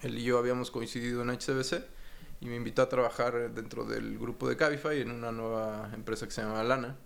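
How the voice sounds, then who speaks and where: A man in his forties from Mexico City with a Mexican accent, talking casually as an interview guest, relaxed and rambling with many fillers. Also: medium pitch, fast talker, vocal fry. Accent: Mexican Spanish. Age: 40s. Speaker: guest, finance executive.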